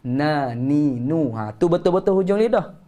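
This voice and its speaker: Man, Malaysian Malay accent, tajwid teacher, live stream, patient, slow demonstrations, fairly high voice. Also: expressive, dark tone. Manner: patient, corrective, demonstrates recitation slowly. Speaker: Quran recitation teacher.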